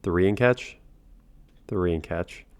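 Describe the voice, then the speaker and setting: Sick with a cold, this gaming channel host, an adult father, sounds nasal and congested as he casually narrates his own game match. He speaks slowly in a low-pitched, gravelly voice with no echo, thinking out loud and cutting himself off mid-sentence.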